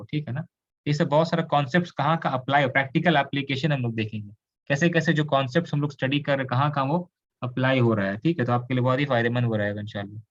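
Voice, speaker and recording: Male grammar teacher from India, patient explainer, slightly high voice, lo-fi audio. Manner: explains patiently, mixes in English, asks students questions. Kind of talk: online class lecture.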